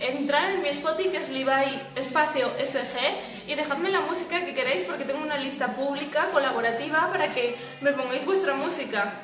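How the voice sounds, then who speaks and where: High-voiced woman, Spain Spanish accent, casual livestream host, chatty and laughing often, phone mic in an echoey room. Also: a little fast. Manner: chatty, laughs often, reads viewer comments aloud. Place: at home lying in a swaying hammock.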